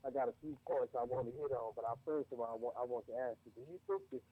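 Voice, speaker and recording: A man's voice: mid-range voice, steady tone, rapid-fire, a crowd in the background. Muffled male caller on a phone line. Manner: easygoing, stumbles and repeats himself. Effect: muffled, as if through a wall. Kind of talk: casual call-in chat.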